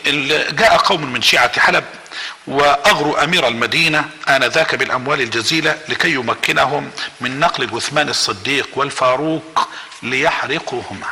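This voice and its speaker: A man with an Egyptian accent telling a religious story as a guest, acting out the quoted speech of the people in it with lively energy. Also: a little high, in a large hall.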